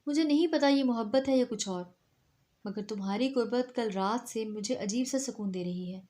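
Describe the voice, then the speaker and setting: A woman's voice: a little high, warm tone, close to an everyday voice. A woman voicing a brooding, frustrated young husband in a storybook reading. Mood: earnest. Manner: confrontational, then earnest.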